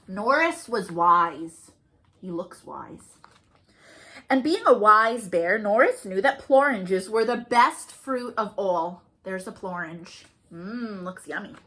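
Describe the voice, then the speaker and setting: A woman leads a children's storytime read-aloud with warm-ups, addressing young listeners playfully and encouragingly. Her voice is on the high side, pushed and bright.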